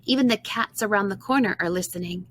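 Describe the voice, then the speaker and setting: Gentle woman reading a storybook. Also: medium pitch, quick pace. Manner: gentle, expressive first-person reading. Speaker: audiobook narrator. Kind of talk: scripted storybook narration.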